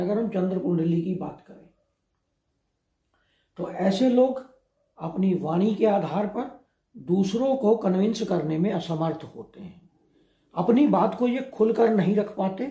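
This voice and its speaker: Male astrologer, higher-pitched, mellow and slow, measured explainer in an echoey room.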